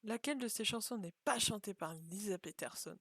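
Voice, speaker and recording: A woman's voice: medium pitch, a little fast, gravelly, fairly bright tone, slightly rough, no echo, studio quality. A young woman chatting casually as she plays and comments on a video game, thinking aloud and joking at herself. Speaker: gaming video creator.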